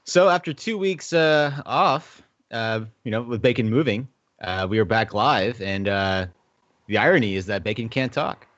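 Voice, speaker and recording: A man's voice: fairly low pitch, lively intonation, normal speed, a bit bright, muffled recording. A man hosting a gaming podcast, joking loosely and leaning on fillers. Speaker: podcast host. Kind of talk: casual podcast chat.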